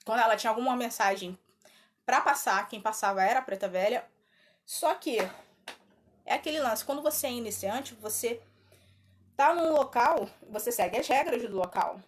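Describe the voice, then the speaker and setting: A woman with a Brazilian Portuguese accent sits and recounts a personal story in relaxed, chatty talk. Her voice sits a little high, and she jumps into quoted dialogue with lively animation. She laughs often as she talks. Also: moderate pace, pauses often. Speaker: channel host. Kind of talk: casual spoken storytelling.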